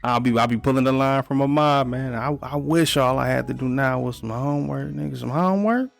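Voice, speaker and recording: With soft music in the background, a man in his thirties talks fairly quickly in a mid-range voice with vocal fry. He's co-hosting a podcast, chatting casually. His manner is laid-back and profane as he tells stories and gives blunt life advice.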